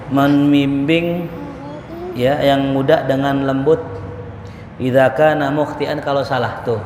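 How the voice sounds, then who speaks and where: A man giving an animated, joking sermon as an Islamic preacher in a mosque. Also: mid-range voice, slight background noise. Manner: animated, joking, acts out little scenes. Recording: echoey hall with faint ambience.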